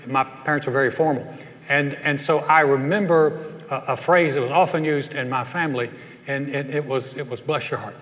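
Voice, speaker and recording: A pastor with a drawl preaches to his church, his voice sitting a little high for a man. He tells homey, joking stories and stumbles into restarts as he goes. His words ring out with a long reverb tail through the sanctuary. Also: fairly even intonation, normal speed, a bit bright. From Southern US, raised in North Carolina. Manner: humorous, anecdotal storytelling with frequent restarts. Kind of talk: sermon. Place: church sanctuary, live service.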